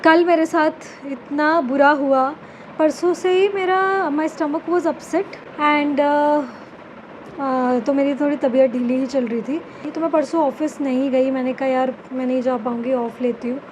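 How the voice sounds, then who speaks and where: A woman's voice: high-pitched, steady tone, measured pace, a little hiss or hum. A young woman, chatting casually to camera in her bedroom and slipping English words into her talk. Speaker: vlogger.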